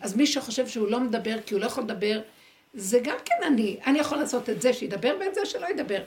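A woman giving a Torah lesson to a group, lively and full of rhetorical questions, acting out inner dialogue as she explains. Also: fairly high pitch, a little hiss or hum. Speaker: Torah teacher.

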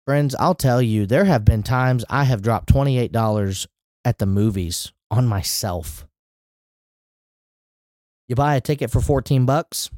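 A man's voice: medium pitch, darkish tone, dry recording, clean studio sound. A man preaching a sermon in a conversational way, with rising emphatic asides.

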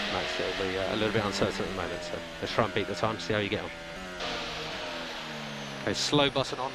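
A man's voice: lowish voice, low-quality recording. A man working as a race engineer, giving terse, clipped instructions over team radio and repeating short calls to his driver.

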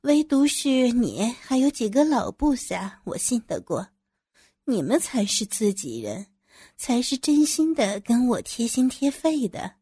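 A woman's voice: fairly high pitch, big pitch swings, measured pace, dark tone, breathy edge, no echo, clean studio sound, exaggerated voice. A woman voicing an angry middle-aged company boss who rants indignantly and curses a former employee, read as part of an audio story. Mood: confiding. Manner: indignant, cursing, self-pitying ranting.

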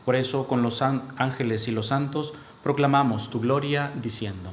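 A male priest leading the prayers of a Mass with steady, solemn recitation, his voice carried by the echo of a large church. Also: medium pitch, normal speed. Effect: cathedral echo. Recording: echoey church with faint background hiss.

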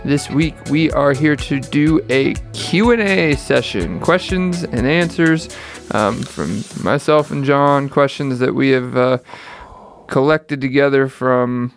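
A man's voice: medium pitch, slow pace, faint music behind. A man co-hosting a casual podcast, upbeat and welcoming as he runs the show. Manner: upbeat, welcoming host patter. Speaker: podcast co-host.

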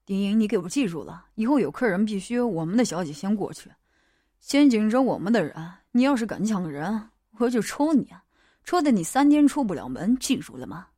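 A woman's voice: medium pitch, very animated, brisk, dark tone, dry recording, clean studio sound, pitched below the performer's own voice. A woman voicing a vicious male thug enforcer in an audiobook, speaking in a snarling, threatening way. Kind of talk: audiobook character voice.

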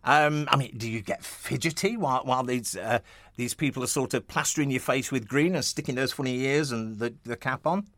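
A man with a mid-range, fairly bright voice speaks briskly in a dry recording, hosting a radio interview from the studio. His style is jovial and chatty: he rambles, restarts often, leans on fillers and keeps chuckling.

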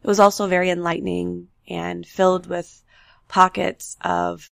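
In a flat, creaky, low voice made slightly nasal by the flu, a young woman hosts a solo podcast reflecting candidly and unhurriedly on her life. The recording is dry and studio quality, with road noise outside her apartment.

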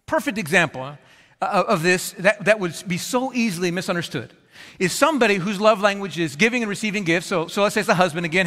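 A pastor preaching a sermon in a conversational, animated way, acting out little scenes with playful humor. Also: male voice, high-pitched. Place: church auditorium. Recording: long reverb of a large hall.

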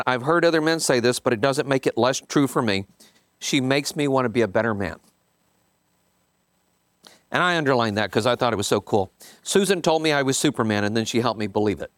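This man coaches a business group in a relaxed way, pausing to read from a book and comment, returning to points for emphasis, and checking in with participants. His voice is medium-pitched and a bit bright, with no room sound.

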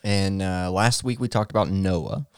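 A man with a lowish voice co-hosts a church podcast, chatting casually and joking with his partner. The sound is dry and close to the mic, with no room echo. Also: unhurried, smooth. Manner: playful, joking banter. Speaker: podcast co-host. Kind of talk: casual chat.

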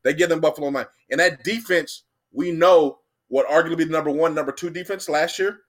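This young adult podcast co-host argues his sports predictions in a casual debate, rambling, repeating himself, and getting animated. His voice is a little high and his pace a little fast.

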